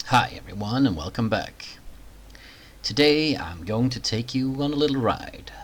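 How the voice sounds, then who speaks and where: A man's voice: medium pitch, expressive, moderate pace, slightly rough, rough recording. A man hosting a reaction commentary video, talking in a sarcastic, mocking way.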